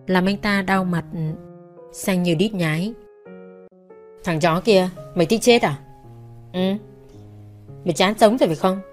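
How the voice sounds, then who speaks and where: Woman, story narrator, bitter and resentful, fairly low voice, faint music underneath. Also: darkish tone. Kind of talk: scripted first-person story narration.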